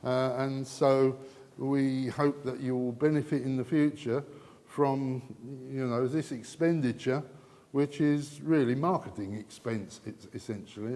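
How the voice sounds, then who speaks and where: A man's voice: mid-range voice, warm tone. Chatty male panel moderator in a hall. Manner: rambling, chatty, self-interrupting. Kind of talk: closing remarks at a conference panel. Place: conference hall. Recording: long hall reverb.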